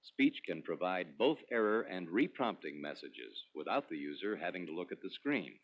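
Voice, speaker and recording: A man presenting a product demonstration in a scripted, instructional promotional narration with clearly structured delivery. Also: low-pitched, very animated, moderate pace. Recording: dull lo-fi 1980s demo recording.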